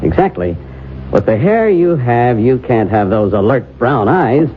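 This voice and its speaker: A man's voice: medium pitch, very animated, unhurried. An actor playing an easygoing male makeup artist in a 1970s radio drama, chatty and muttering to himself as he works. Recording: thin phone-like old radio with hiss.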